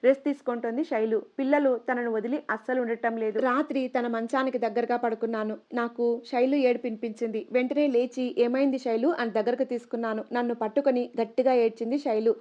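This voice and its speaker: A woman narrating a first-person story in a steady, even reading voice. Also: fairly high pitch, quick pace, few pauses, lo-fi sound.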